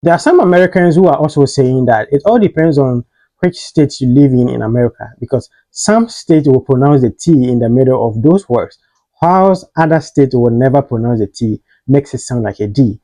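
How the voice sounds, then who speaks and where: A man hosting a casual spoken pronunciation lesson, explaining patiently and repeating example words slowly for practice. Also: medium pitch, lively intonation, mellow, no room sound, rough recording. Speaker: host.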